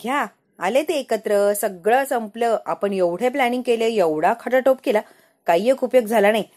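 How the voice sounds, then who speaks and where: A woman's voice: fairly high pitch, normal speed, a little mellow, close to an everyday voice. A woman voicing a bossy, scheming older aunt who scolds sharply. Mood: angry scolding.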